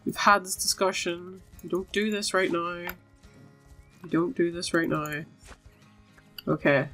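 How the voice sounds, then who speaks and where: A woman with a lowish, bright, pushed voice speaks unhurriedly and with fairly even intonation over game music. She's a gaming video host giving casual commentary, chatting to herself and her virtual animals and reading dialogue aloud.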